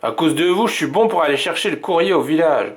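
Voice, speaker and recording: A man's voice: a little high, animated, fast, voice pushed up, natural voice. A man voicing a grumpy, easily rattled father in a storybook, grumbling and exasperated.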